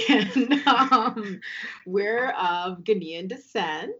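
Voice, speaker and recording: A woman's voice: medium pitch, animated, drawn-out words, a bit bright, lo-fi sound. A woman from Maryland, a podcast guest chatting casually and thinking aloud with lots of fillers. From Maryland, USA. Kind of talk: casual chat.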